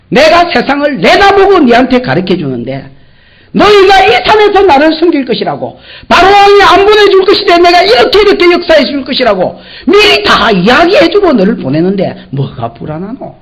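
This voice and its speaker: A man's voice: very high voice, wildly swooping pitch, moderate pace, fairly bright tone, pitched above the performer's own voice, exaggerated voice. A man voicing God as a confident almighty male deity, speaking in a fatherly way with a Gyeongsang accent. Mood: reassuring. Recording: dull lo-fi church recording.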